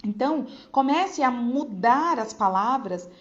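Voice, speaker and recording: A woman's voice: a little high, animated, measured pace. A woman with a Brazilian Portuguese accent who coaches other teachers in an informal online lesson. She speaks energetically, stresses and repeats key points, and keeps checking in with her listeners. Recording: dull lo-fi sound.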